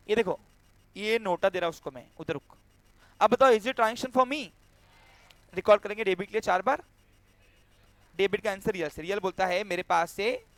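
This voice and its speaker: A man's voice: sits high, fairly bright tone, dry recording. A man teaching an accountancy class, explaining entries step by step and checking often that the students follow. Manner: acts out a cash handover with a student. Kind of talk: classroom lecture.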